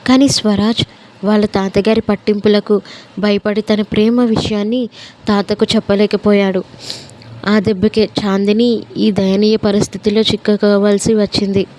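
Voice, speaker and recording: A woman narrating a romance story aloud in a steady, even manner. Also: mid-range voice, moderate pace, slight background noise, poor audio.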